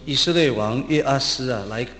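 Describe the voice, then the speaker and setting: A man preaching a sermon in short emphatic phrases, pausing for his interpreter. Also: medium pitch, fairly bright tone. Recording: long hall reverb.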